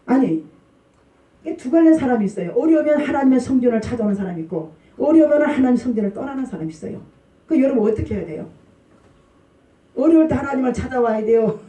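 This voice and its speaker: A middle-aged woman pastor preaching a sermon, questioning the congregation in a lively call-and-response manner. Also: sits high, quick pace. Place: church sanctuary. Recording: roomy church hall, distant mic.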